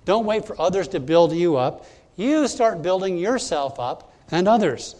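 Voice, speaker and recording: Pastor guy giving a sermon, kinda high voice, emphatic, goes through his points one by one. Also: expressive, a little slow, a little mellow. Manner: emphatic, teaching point by point, addressing the congregation directly. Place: church service.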